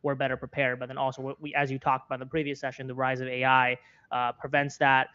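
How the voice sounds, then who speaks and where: Speaking fast in a completely flat, pushed and bright yet clean voice of medium pitch, this guest talks through an interview. He's a twenty-something content creator and journalist from Florida with an American accent, and he keeps earnestly rephrasing his points. The recording sounds muffled.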